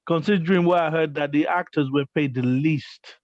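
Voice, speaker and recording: A man's voice: fairly high pitch, normal speed, darkish tone. A man co-hosting a casual chat, mostly giving short agreeing replies. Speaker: podcast co-host. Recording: dull lo-fi sound.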